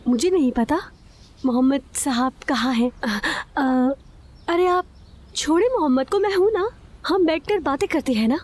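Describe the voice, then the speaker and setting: A woman's voice: high-pitched, expressive, a little slow, darkish tone. A coaxing young woman. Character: bold scheming young woman. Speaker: dubbing actor. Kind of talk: Urdu dub of a TV drama.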